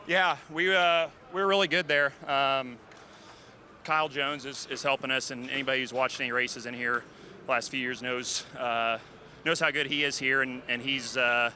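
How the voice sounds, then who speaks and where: A racing driver, out of breath, answering a post-race interview in halting speech with many fillers. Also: male voice, mid-range voice, steady tone, bright, forceful tone, slight background noise. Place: outdoors at a racetrack.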